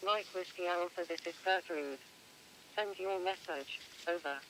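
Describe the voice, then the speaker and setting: A man's voice: high-pitched, a little slow, vocal fry. A synthetic male radio operator voice heard over a radio transceiver, giving clipped procedure words and spelled-out letters. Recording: noisy radio receiver audio.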